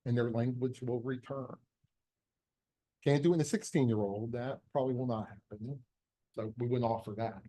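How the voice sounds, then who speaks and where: Posing rhetorical questions and explaining emphatically, a physician lecturer delivers a conversational medical talk. He is a middle-aged American pediatric epilepsy surgeon with a mid-range, dark voice, captured on poor audio.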